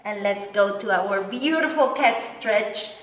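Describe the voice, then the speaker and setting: A woman working as a Pilates instructor, guiding a mat class with step-by-step cues and counts in a gentle, encouraging manner. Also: medium pitch, takes it slowly. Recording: very echoey, reverberant room, distant mic.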